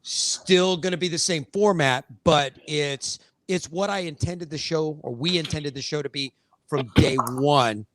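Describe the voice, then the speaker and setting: A man hosting a casual show, excitable and joking, talking on a call. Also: on the high side, slight background noise. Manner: excitable, laughing, quick to joke. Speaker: show host. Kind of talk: casual banter on a video call.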